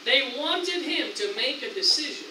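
A man with an American accent preaching a sermon as pastor, animated, acting out tempting voices with excited raised lines. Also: very high voice, normal speed, reverberant, far from the mic, noisy background. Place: church sanctuary.

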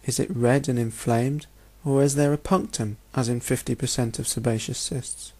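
A man's voice: mid-range voice, fairly even intonation, normal speed, a little mellow. Methodical male medical lecturer. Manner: clear, methodical, instructional, posing rhetorical questions. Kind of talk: narrated lecture over slides.

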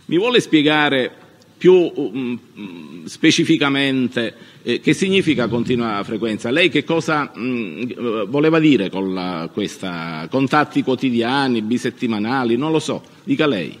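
A man cross-examining a witness as a lawyer in court, formal and probing, with halting phrasing. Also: mid-range voice, animated. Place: large reverberant courtroom. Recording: echoey courtroom with long reverb.

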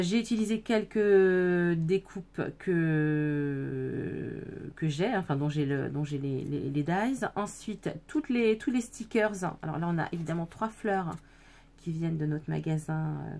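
A woman's voice: fairly low pitch, darkish tone. A woman casually showing off a handmade scrapbook album, talking with many fillers and self-corrections and speaking straight to her viewers. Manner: chatty, addresses viewers directly. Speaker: scrapbooking video maker. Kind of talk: casual craft show-and-tell.

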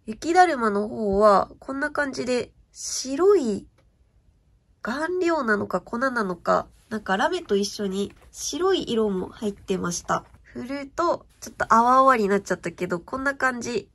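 A woman's voice: fairly high pitch, lively intonation, measured pace, a bit bright. A young woman chatting casually as she shows off her stationery purchases, gushing and often asking viewers if the sparkle comes across. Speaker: stationery vlogger. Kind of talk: casual show-and-tell chat.

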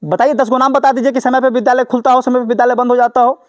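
A man reporting on the spot from a village school, pressing a teacher with pointed questions. His voice sits high and the words pour out fast. The sound is dry and close. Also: flat delivery, no echo, muffled recording. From Bihar. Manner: confronting and lecturing. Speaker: reporter and host. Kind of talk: on-the-spot news interview.

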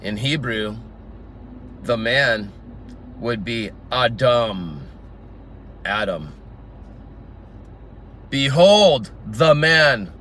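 Man in his own voice, unhurried Bible teacher working through verses outdoors, bright tone, faint traffic behind. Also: mid-range voice, expressive. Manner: reads scripture aloud and explains it verse by verse. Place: outdoors in a garden.

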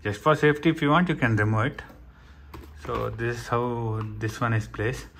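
A tutorial presenter, a man with an Indian accent, walks through a casual hands-on how-to step by step, frequently checking in with "right." His voice is medium-pitched and a bit bright, at a moderate pace. The recording is clear, with background noise and room ambience.

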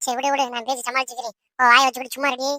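A woman voicing a bossy, loud village woman who scolds and coaxes her friends in a comedy cartoon. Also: high-pitched, little pitch movement, very fast, dry recording. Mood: coaxing, bossy. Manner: scolding, rustic village speech.

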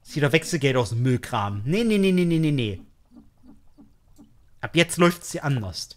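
A man giving joking, excitable let's play commentary on a horror game, talking to his viewers. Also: a little high, normal speed. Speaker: gaming YouTuber.

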